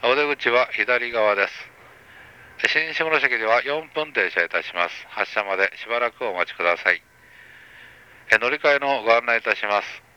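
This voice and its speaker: Brisk man conductor on a bright, crisp PA. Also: mid-range voice, expressive. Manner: brisk, formal, with filler "e". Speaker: train conductor. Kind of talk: live onboard announcement. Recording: dull, lo-fi onboard speaker.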